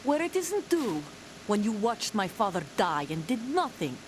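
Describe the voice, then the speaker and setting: An actress plays a young female soldier leader from a video game, bitter and confrontational, with lively swings in pitch. Every line is delivered as a defiant challenge. The audio carries a clear hiss. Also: moderate pace, lightly acted. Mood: bitter, accusing. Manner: accusing, confrontational. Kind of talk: dramatic video game acting.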